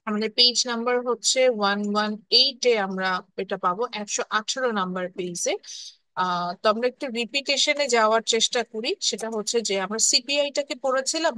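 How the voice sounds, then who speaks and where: A woman's voice: on the high side, bright, forceful tone, dry recording, poor audio. A woman university lecturer teaching an online class, mixing English terms into her speech and often checking in with students. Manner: mixes English terms into Bengali, slow deliberate English phrases.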